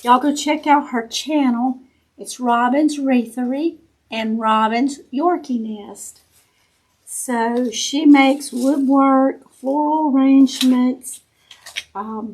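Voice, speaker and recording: A woman with a Southern US accent opens a present for her craft vlog, talking in a casual, appreciative way. Her voice is fairly high and husky, and she takes her time, pausing as she goes. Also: fairly even intonation, a little mellow, poor audio. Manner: slow, halting, appreciative gift-opening talk. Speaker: craft vlogger. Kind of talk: casual chat while opening a present on camera.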